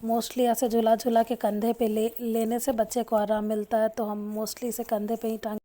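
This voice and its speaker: A young woman narrating a family vlog as a new mother, coaxing her baby with soft baby talk. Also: on the high side, level tone, moderate pace.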